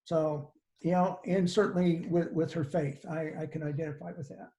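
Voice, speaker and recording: An older man speaks as a guest on a video call. He stops and restarts often, and his voice is mellow and warm. The room around him sounds echoey. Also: fairly high pitch, fairly even intonation. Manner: halting, many restarts and fillers. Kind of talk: casual chat on a video call. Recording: roomy video call audio.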